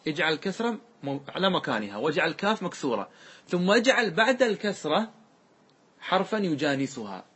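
A man teaching a classical grammar lesson as a sheikh, explaining step by step, often checking that listeners follow, and drawing out example words slowly when he recites them. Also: on the high side, sing-song, fairly bright tone, husky.

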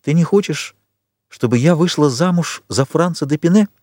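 A man's voice: fairly high pitch, expressive, normal speed, darkish tone, no echo, clean studio sound, voice pushed up. A man reading an audiobook, voicing a young woman who earnestly implores her grandfather. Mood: imploring.

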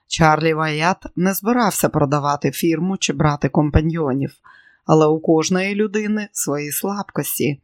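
Audiobook narrator, measured and even, mid pitch, dead-dry close sound. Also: no echo. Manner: measured storytelling. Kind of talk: scripted narration.

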